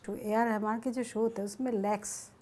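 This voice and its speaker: A woman who is a playback singer, guest on a talk show, chatting in an unhurried, soft-spoken way and sometimes breaking into song. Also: on the high side, steady tone. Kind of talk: casual conversation with some singing.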